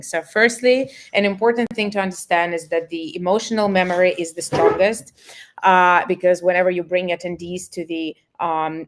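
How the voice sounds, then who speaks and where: Low-voiced woman presenting. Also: slight background noise. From Russia. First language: Russian. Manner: earnest, with frequent "uh" fillers. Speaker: events marketer presenting. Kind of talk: webinar presentation.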